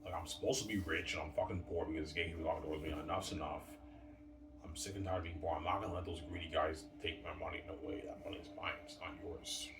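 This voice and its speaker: Man, 30s, deep and rambling home vlogger, swears a lot, distant mic in a boomy room with background noise. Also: quick pace, echoey room. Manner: meandering, casual, swears, argues with absent people. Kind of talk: late-night rambling monologue. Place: room at home, family upstairs.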